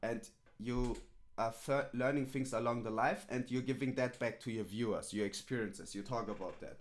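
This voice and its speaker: A male streamer coaches a viewer in casual live-stream chat, rambling with lots of fillers and repeatedly saying "right?" and "literally." His voice is mid-range at a normal speed.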